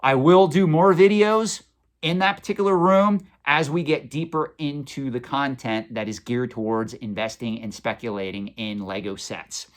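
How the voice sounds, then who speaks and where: With a medium-pitched voice at a moderate pace, a man in his forties hosts a collectibles channel. He responds to viewer questions conversationally, voicing strong opinions with occasional sarcasm.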